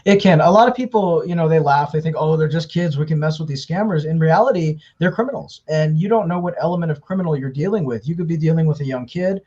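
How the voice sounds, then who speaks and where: A man with a highish, slightly mellow voice and a breathy edge talks fast with few pauses. He's a scam baiter guesting on an interview, explaining at length in a loose way with fillers and restarts, recorded in dull lo-fi quality.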